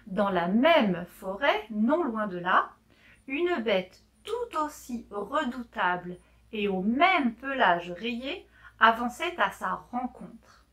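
A woman slowly reading a children's story aloud for learners, clear and deliberate with gentle expression. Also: fairly high pitch, sing-song.

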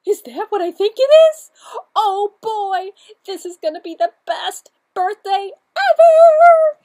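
A woman voicing an excitable, delighted cartoon cow who gushes and exclaims in a picture-book read-aloud. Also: extremely high pitch, takes it slowly, pitched above the performer's own voice, exaggerated voice. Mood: overjoyed. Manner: gushing, exclaiming.

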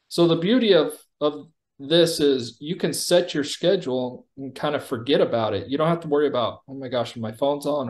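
A man with a slightly high voice gives a conversational software demo over a video call, explaining things the way a company executive would present a product.

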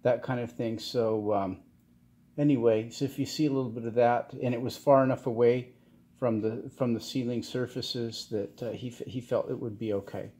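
A middle-aged man giving a casual workshop how-to, talking in a halting way with many fillers and restarts. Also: mid-range voice, fairly even intonation, dark tone. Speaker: channel host restoring cars. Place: home garage workshop, indoors.

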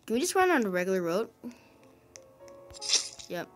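A woman giving casual commentary over her gameplay. She gets excited quickly and grumbles at her teammates. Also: mid-range voice, music in the background. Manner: excitable, quickly frustrated, calls teammates idiots. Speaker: gaming video host.

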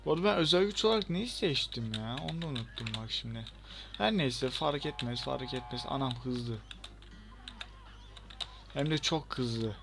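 A young man giving chatty, excitable let's-play commentary and talking back to the game. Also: mid-range voice, a little fast, creaky, over music. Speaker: gaming channel host.

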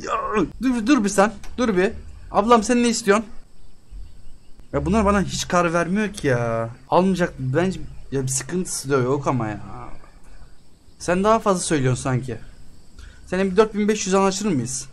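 A man's voice: high voice, lively intonation, normal speed, a little hiss or hum. A man hosting a game let's-play, chatting with the characters on screen as he haggles over prices and often bursts out in exasperation. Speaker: gaming channel host.

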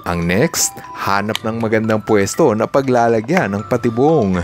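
A man's voice: fairly low pitch, measured pace, faint music behind. A man, hosting and narrating scripted voice-over, upbeat and mixing English asides into his commentary. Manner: upbeat, with Taglish asides and reactions. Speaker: host.

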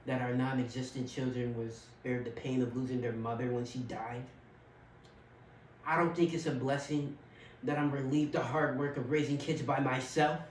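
A man performing a dramatic monologue as a grieving widower, bitter and heartbroken, with a measured, quiet, halting delivery. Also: mid-range voice, slight background noise, close to an everyday voice. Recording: roomy echo, from far off.

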